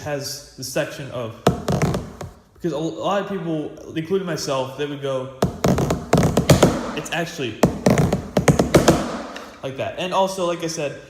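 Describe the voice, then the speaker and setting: A teenage boy giving a casual snare drum practice lesson, rambling with lots of fillers and restarts. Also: on the high side. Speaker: student percussionist. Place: practice room with a drum pad. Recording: echoey room with loud hiss.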